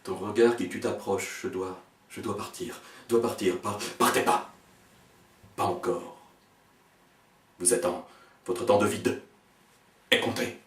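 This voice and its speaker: A man performing experimental spoken-word poetry in a fragmented delivery, stammering and repeating words, swinging between hushed murmurs and sharp outbursts. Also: deep voice, fairly even intonation, slow pace, long pauses. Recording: echoey room, voice far from the mic.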